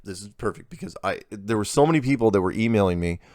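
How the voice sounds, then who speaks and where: A man's voice: lowish voice, expressive, fast, a little mellow, no room sound, clean studio sound. A middle-aged man hosting a show, reading viewer emails aloud and commenting on them in an easygoing, offhand way.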